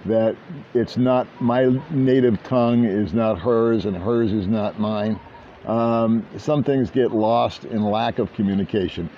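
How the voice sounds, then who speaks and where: A casual vlog from a beach resort: an older man with a medium-pitched voice talks to camera, rambling and making fun of himself. The small handheld camera gives dull, lo-fi outdoor audio with a little hiss or hum.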